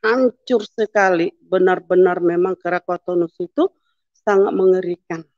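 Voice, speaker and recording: A woman's voice: fairly low pitch, steady tone, normal speed, no room sound. A middle-aged woman giving a personal testimony, telling her story and acting out the dialogue. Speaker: testimony speaker. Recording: dull lo-fi sound.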